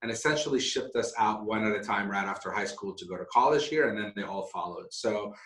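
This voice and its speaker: A man's voice: lowish voice, brisk, fairly bright tone. A middle-aged man from Syria, speaking as an interview guest in a candid, self-deprecating, passionate way. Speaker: guest, hotel founder. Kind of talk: conversational interview. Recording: echoey room.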